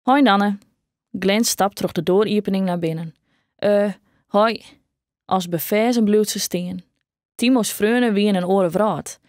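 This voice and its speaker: Brief: Frisian-accented woman narrator, steady audiobook read, mid pitch, dry close mic. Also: dry recording. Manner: steady storytelling. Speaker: audiobook reader.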